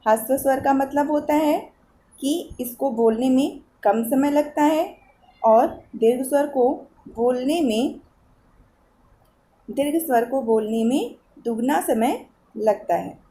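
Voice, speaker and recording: Slow, patient woman teaching young pupils. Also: sits high, warm tone, slight background noise. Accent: Eastern Uttar Pradesh Hindi. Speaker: school teacher. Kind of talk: Hindi grammar lesson for children.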